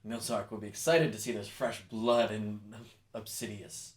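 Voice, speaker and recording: A defiant dying cultist in a tabletop game, put on by a man, muttering low, sneering taunts. The voice sits on the low side, with a touch of spite. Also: steady tone, normal speed, roomy sound, lightly acted. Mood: taunting.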